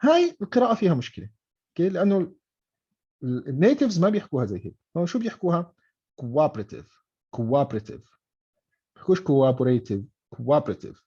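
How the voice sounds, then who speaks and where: A man's voice: high-pitched, huge pitch swings, very fast, dark tone, husky. Guy teaching english online, keeps saying okay?, muffled lo-fi audio. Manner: mixes English and Arabic, frequent "okay?" checks. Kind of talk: online class explanation. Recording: dull lo-fi online call audio.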